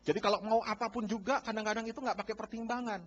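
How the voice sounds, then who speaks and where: A man pastor preaching a sermon, animated and acting out bargaining scenes while addressing the congregation. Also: high voice, fast. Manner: lively, acts out bargaining dialogues, addresses congregation as saudara. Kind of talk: sermon with acted-out market scenes. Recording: dull lo-fi church recording.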